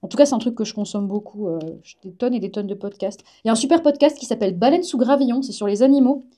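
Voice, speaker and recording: Chatty woman with a mellow voice. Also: a little high, fast. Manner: chatty, informal, enthusiastic. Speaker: guest, comic artist and science journalist. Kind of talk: casual live-stream chat.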